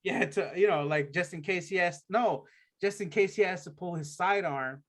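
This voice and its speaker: A man's voice: high-pitched, normal speed, a bit bright. A man co-hosting a podcast in laid-back, profane banter. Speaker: podcast co-host. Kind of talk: casual chat.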